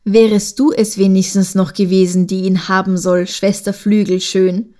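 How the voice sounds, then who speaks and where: A woman's voice: mid-range voice, level tone, normal speed, mellow, natural voice. A woman voicing a jealous, scheming wild goose sister who speaks in a sly, insinuating way.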